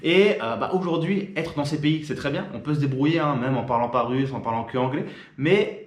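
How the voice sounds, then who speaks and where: Brief: French male vlogger, mid pitch, casual and rapid, lots of filler words, reverberant room. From France. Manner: chatty, informal, frequent fillers and restarts. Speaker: YouTuber. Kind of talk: casual direct-to-camera talk.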